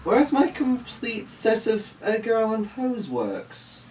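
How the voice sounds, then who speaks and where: His voice is high and very animated, and he speaks at a slow pace. As a vlog host on a casual vlog, he rambles to viewers, muttering distractedly with mild exasperation. Faint background noise accompanies the distant-mic recording.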